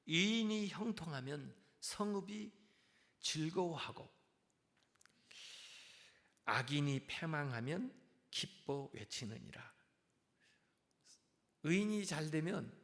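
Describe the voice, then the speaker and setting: A male pastor giving a sermon, calmly explaining scripture verse by verse in a teaching tone. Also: fairly high pitch, vocal fry. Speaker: senior pastor. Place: church sanctuary. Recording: long reverb of a church hall.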